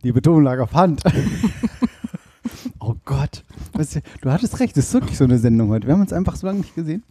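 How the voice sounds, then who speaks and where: A man's voice: fairly high pitch, expressive, quick pace, warm tone, breathy edge, no room sound. A man co-hosting a casual podcast, joking around and teasing in a playful way. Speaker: podcast co-host. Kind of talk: casual chat.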